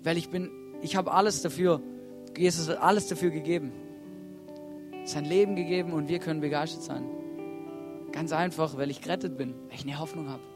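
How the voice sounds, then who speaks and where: A man's voice: fairly high pitch, fairly even intonation, brisk, pauses often. A man preaching a sermon from a church stage, earnest and urging, putting questions to the congregation and often starting with "hey". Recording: soft guitar music playing behind.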